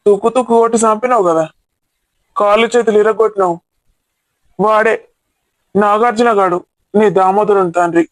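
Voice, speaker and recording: A man's voice: high-pitched, steady tone, brisk, long pauses, dry recording, natural voice. A man, acting in an amateur family comedy drama as an angry relative who scolds about a scoundrel and then gives the family advice. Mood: indignant. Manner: indignant, scolding.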